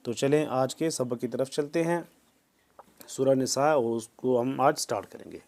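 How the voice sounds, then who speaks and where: A man teaching Quran recitation, drawing each verse out slowly, then explaining pronunciation rules in quick plain speech. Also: mid-range voice, a little mellow. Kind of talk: tajweed lesson, slow word-by-word recitation.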